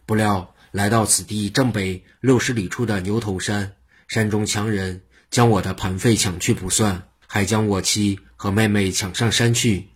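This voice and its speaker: A distressed young scholar in a told tale, sorrowful and pleading, as a male storyteller plays him. His voice is low and husky. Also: fairly even intonation, moderate pace.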